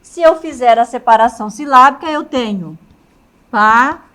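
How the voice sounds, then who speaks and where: A woman's voice: sits high, expressive, fairly quick, fairly bright tone. A woman teacher with a Brazilian Portuguese accent giving a grammar lecture at the chalkboard, often stopping to check that students follow. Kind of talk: classroom lecture.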